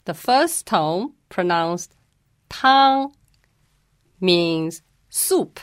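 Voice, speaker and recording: A woman's voice: on the low side, lively intonation, slow pace, no room sound, clean studio sound. A woman who teaches Mandarin, answering interview questions patiently and carefully, and demonstrating pronunciations as she explains.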